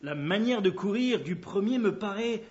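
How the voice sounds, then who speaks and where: A watchful sentinel on a city wall calls out what he sees, as a man reads him. The voice is high for a man. The recording is dull and lo-fi. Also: expressive, normal speed, darkish tone. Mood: alert.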